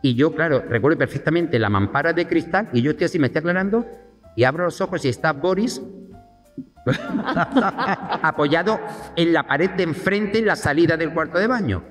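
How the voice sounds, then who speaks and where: A man spins a lively anecdote as a talk show guest, jumping into the voices of the people in his story. His voice sits a little high. The sound rings with a long hall reverb, and faint music plays underneath. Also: moderate pace. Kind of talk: animated anecdote telling.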